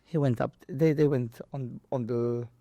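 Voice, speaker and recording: In a dry, muffled recording, a Maltese interview guest who boxes and trains boxers tells casual, animated stories, voicing dialogue and impact sounds. He speaks a little slowly in a medium-pitched, dark voice with fairly even intonation, using non-native English with a Maltese accent.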